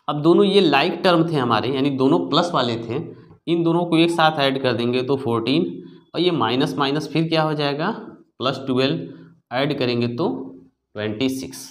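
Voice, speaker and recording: A man teaching a maths lesson to children, explaining step by step and asking questions that he answers himself. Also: mid-range voice. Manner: explains step by step, checking with "ठीक है बच्चों"; asks the class questions and answers them himself.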